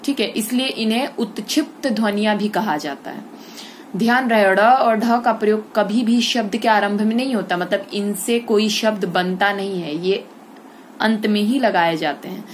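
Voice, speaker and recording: A woman's voice: medium pitch, moderate pace, a little hiss or hum. A woman teaching a school grammar lesson online, explaining step by step and asking and answering her own questions.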